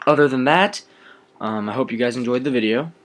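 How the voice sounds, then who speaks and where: A young man explaining his card game deck in a casual, low-energy way, pausing often with ums.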